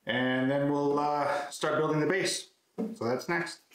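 A woodworking video host in his thirties casually, matter-of-factly explains a hands-on build to camera in an indoor, concrete-floored garage workshop. His voice is on the high side, a bit bright, fairly even and a little slow. A camera mic a few metres away catches echo and faint background noise.

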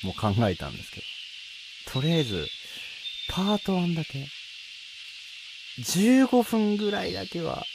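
A man's voice: high voice, sing-song, normal speed, vocal fry, pauses often, background noise. A man giving casual, nervous, pleading commentary as he plays a horror game, talking to himself and his viewers. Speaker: video game player and commentator.

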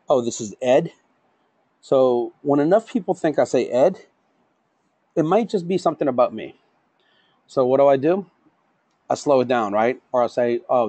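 A middle-aged man lecturing an online safety course at a brisk, self-confessed fast pace. He keeps checking in with his listeners, voice sitting mid-range. The recording is dry and close, with no room sound. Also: mid-range voice, darkish tone, no echo. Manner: says he talks fast, tags lines with "right?" and "okay?". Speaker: safety trainer.

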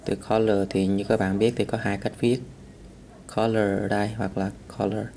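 A man's voice: fairly low pitch, flat delivery, moderate pace, creaky, warm tone, slight background noise. A man teaching English vocabulary, saying each word several times. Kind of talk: vocabulary lesson.

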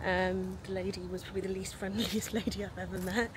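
Speaking a little fast with a mid-range voice and little pitch movement, this woman in her thirties narrates her travel vlog in a chatty, cheerful way, addressing the camera directly. Her phone is held at arm's length as she moves through crowded city streets and park paths, with traffic and street sounds audible throughout.

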